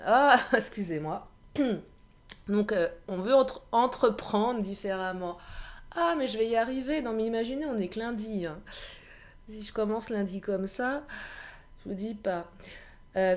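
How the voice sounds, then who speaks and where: A woman with a hoarse voice giving a chatty card reading for viewers, often laughing at herself and clearing her throat. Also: medium pitch, a little mellow. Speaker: tarot card reader. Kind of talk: card reading guidance video.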